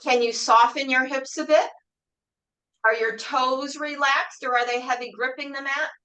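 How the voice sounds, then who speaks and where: A woman with a high, bright voice leads a Pilates class. She cues each movement and breath in a calm, encouraging way, often checking in with gentle questions. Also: normal speed, low-quality recording. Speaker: Pilates instructor. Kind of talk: guided exercise class cueing.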